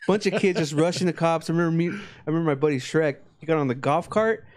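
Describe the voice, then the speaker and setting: A man's voice: fairly high pitch, fast talker. A man in his thirties co-hosting a casual podcast and telling rambling, profane stories. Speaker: podcast co-host. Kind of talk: casual drunken chat.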